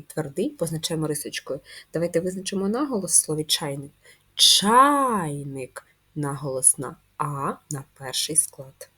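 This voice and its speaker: Woman, first-grade teacher; low, husky voice, patient and slow, stretches each sound. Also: darkish tone. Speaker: primary school teacher. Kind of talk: video lesson for first graders.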